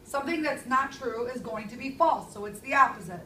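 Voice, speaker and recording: A woman's voice: sits high, fairly quick, bright, forceful tone, recorded from a distance, slight background noise. Emphatic woman teacher in an echoey classroom. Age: 30s. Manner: clear, emphatic, stresses key words. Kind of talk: classroom language lesson. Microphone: far camera.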